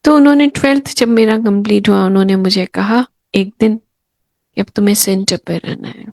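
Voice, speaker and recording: A middle-aged woman sharing childhood memories with a gathering in an unhurried storytelling manner, acting out the voices of her elders and her younger self. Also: medium pitch, steady tone, gravelly, a little mellow, dry recording. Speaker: spiritual speaker sharing memories.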